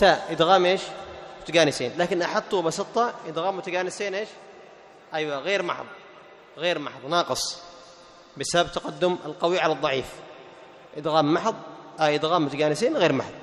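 A male Quran teacher explaining tajweed rules to a class. He asks questions, answers them himself, repeats the key terms and slows down to recite the verse examples. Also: fairly high pitch. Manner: recites verses slowly and melodically. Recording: long hall reverb.

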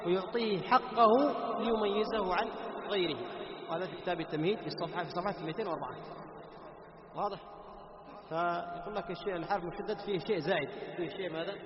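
A man lectures a class on recitation at a quick clip in a fairly high voice. He keeps asking questions and answering them himself, repeating key phrases. The sound is dull and lo-fi, with a long echo and noise behind him. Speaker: Quran recitation teacher. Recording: echoey hall with dull lo-fi sound and background noise.

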